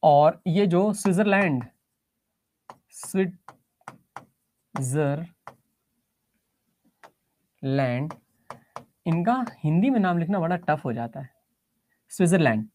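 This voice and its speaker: A woman's voice: lowish voice, animated, normal speed, warm tone. A woman teacher giving a geography lesson, explaining step by step, checking in with her students and mixing English phrases into her Hindi.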